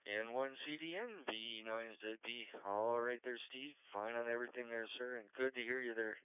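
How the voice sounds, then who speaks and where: A man's voice: medium pitch, normal speed, highs cut off, a little hiss or hum. A man hosting an amateur radio net as controller, informal, folksy and courteous, calling out call signs and check-ins.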